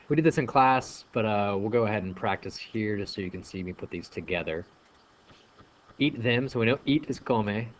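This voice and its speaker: A man's voice: on the low side, highs cut off, a little hiss or hum. A man teaching a language lesson, explaining step by step with frequent ums. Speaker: Spanish teacher. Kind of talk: classroom lesson narration.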